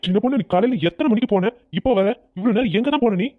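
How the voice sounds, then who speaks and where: A voice actor playing a meek, soft-hearted young husband in a cartoon family drama. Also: medium pitch, very fast, natural voice. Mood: demanding. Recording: tinny phone-like lo-fi sound.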